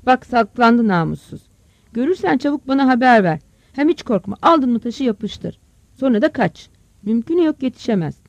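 A narrator voicing a rough, hot-tempered village farmer who shouts and scolds gruffly in an audiobook story. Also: high voice, expressive, a little fast, no room sound, voice pushed up. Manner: gruff, calls out loudly. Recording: dull, dry close recording.

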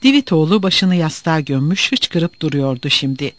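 A man reading a novel aloud as narrator, in an expressive, dramatic way. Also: a little high, moderate pace, dry recording.

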